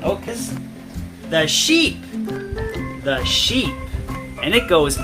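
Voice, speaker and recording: A woman teaching a small child farm animals in a slow, repetitive style, saying each name again and again and making the animal sounds. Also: deep voice, very animated. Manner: repeats animal names, imitates animal sounds. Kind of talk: slow repetitive toddler lesson. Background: background music.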